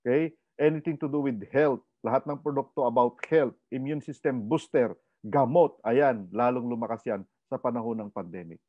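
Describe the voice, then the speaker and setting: Energetic Filipino male seminar presenter, lively delivery, dry and muffled webinar sound. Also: mid-range voice, normal speed, no echo. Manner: animated, asks the audience questions, code-switches. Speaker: online orientation presenter. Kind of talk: energetic business seminar talk.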